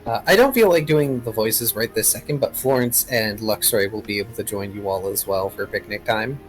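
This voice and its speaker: A man's voice: lowish voice, a little fast, faint music behind, poor audio. A man running a tabletop role-playing game, narrating and chatting casually as game master.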